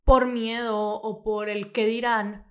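A young Mexican woman co-hosting a podcast, her voice sitting a little high. She talks quickly and casually, dropping in little agreeing murmurs as her friend speaks. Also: level tone, fairly bright tone, clear, resonant tone. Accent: Mexican Spanish. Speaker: podcast co-host. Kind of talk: casual chat.

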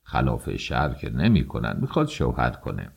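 A man reading an audiobook, voicing a calm, dignified older uncle who speaks in a measured, persuasive way. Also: a bass voice, creaky, husky, pitched below the performer's own voice, heavily acted. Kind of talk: audiobook character voice.

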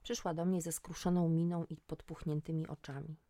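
A woman's voice: sits low, little pitch movement, a little fast, warm tone, no room sound. A woman reading a first-person story aloud in a wry, conversational way. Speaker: audiobook narrator. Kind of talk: first-person audiobook narration.

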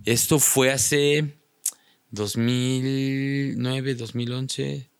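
A young man with a Mexican Spanish accent tells a story on a podcast. He talks in an animated, slangy way and keeps jumping into other people's voices. His voice sits at a middle pitch and sounds dry and close to the mic. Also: drawn-out words, clear, resonant tone, no echo. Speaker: podcast guest. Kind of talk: casual storytelling.

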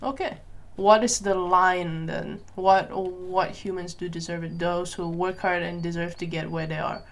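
In a lowish, fairly even voice, an unhurried Malaysian woman vlogs alone, casually talking through what she thinks. She reasons out loud, questions herself, and keeps adding "right?" and "you know?".

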